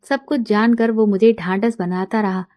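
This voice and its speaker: Mellow-voiced woman telling her story. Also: mid-range voice, steady tone, normal speed. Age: late 30s. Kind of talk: first-person story narration.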